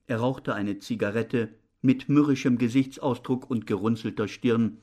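Measured male audiobook narrator. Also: mid-range voice, warm tone. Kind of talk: scripted narration.

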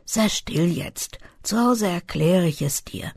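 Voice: mid-range voice, measured pace, creaky, husky, no room sound, studio quality. A reader voicing a stern, devout old grandmother who speaks curtly and under her breath, in an audiobook. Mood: curt, hushed. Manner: curt, hushed. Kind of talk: audiobook character voice.

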